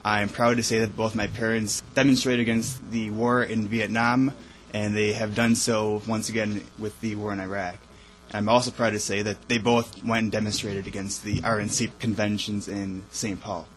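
A man's voice: on the low side, level tone, normal speed, rough recording. A young man giving an informal, wry speech about a campaign. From Wisconsin, USA. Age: young adult. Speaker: campaign speaker. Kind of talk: public speech.

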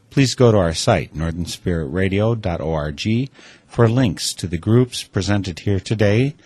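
A man hosting a radio program, reading scripted introductions and announcements in a measured way. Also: low voice, darkish tone, no room sound. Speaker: radio host.

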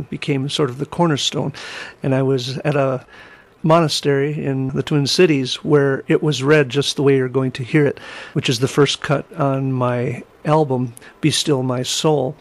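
A middle-aged singer and musician from Wisconsin in the United States tells his story reflectively as an interview guest. His mid-range voice carries some vocal fry.

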